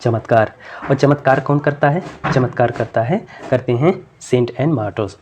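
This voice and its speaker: A man teaching English literature terms for an exam, asking questions and repeating each answer back, reading English question lines out slowly. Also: medium pitch, background noise. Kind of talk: exam-prep lecture.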